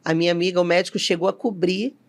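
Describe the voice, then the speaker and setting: A woman's voice: lowish voice, steady tone, fast talker. A middle-aged woman, a company CEO telling a personal story as an interview guest and acting out the voices she quotes.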